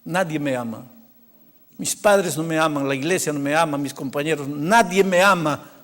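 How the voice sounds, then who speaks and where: A man voicing a defiant, hurt teenage boy who feels unloved, speaking quietly and low in pained pleading. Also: sing-song, measured pace, full character voice. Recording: long hall reverb.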